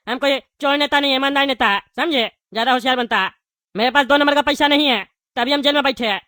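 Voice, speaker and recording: Woman plays a high, quick, bright-voiced cowardly male politician who blusters then fawns. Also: no echo, studio quality. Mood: boastful. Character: bald boastful male politician, cowardly in jail. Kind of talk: comedy sketch acting.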